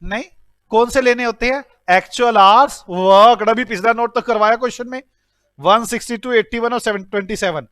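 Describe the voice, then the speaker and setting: High-voiced teasing male teacher. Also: fairly quick, a bit bright, no echo, studio quality. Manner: teasing, joking with students while calculating aloud; mixes English numbers into Hindi speech. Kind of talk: classroom lecture solving problems.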